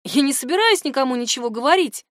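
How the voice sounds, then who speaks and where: A woman's voice: sits high, expressive, fast talker, fairly bright tone, no echo, studio quality, voice pushed up. A woman reading an audiobook, voicing a secretive young woman who speaks in a strained, insistent way. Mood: tense. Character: tense secretive young woman hiding an escape plan.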